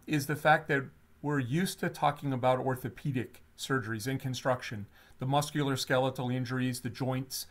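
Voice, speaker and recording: A man co-hosting a workplace health webinar, talking in an animated, conversational way with frequent fillers. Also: mid-range voice. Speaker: webinar co-host. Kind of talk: webinar presentation.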